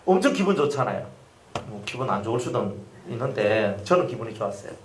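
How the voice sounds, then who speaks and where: A middle-aged man preaching a sermon as a pastor, animated and repetitive, often asking the congregation questions. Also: lowish voice, fast, reverberant, a little hiss or hum. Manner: animated, repeats phrases and asks the congregation questions.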